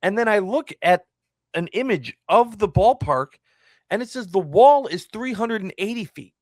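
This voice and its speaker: Young man, podcast co-host, exasperated storytelling, highish lively voice. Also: normal speed, no room sound, clean studio sound. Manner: exasperated storytelling, swings up in pitch. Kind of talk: casual sports chat.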